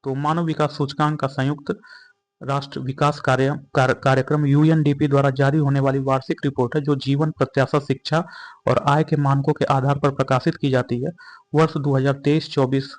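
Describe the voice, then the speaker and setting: Young male tutor, flat even delivery, repeats each answer methodically. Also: mid-range voice, brisk. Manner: steady, repetitive explanations, restating each answer. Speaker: exam-prep teacher. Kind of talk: explaining exam questions and answers.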